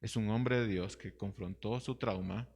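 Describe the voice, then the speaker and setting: A man's voice: lowish voice, fairly even intonation, a little slow, darkish tone. A man teaching a Bible study class, reading scripture aloud and asking his listeners questions. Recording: hall reverb.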